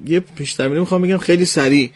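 A male radio host teaching Quran recitation to a caller, his voice sitting a touch high for a man. He coaches politely and patiently, repeating syllables for her to copy. The sound is close and dry, with no room in it. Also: a little mellow, no room sound. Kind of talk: live call-in radio lesson.

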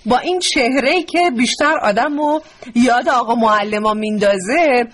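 A woman hosts an interview and asks her questions politely, with respect. Her voice sits high, and there is faint noise in the background. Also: a bit bright. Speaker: host.

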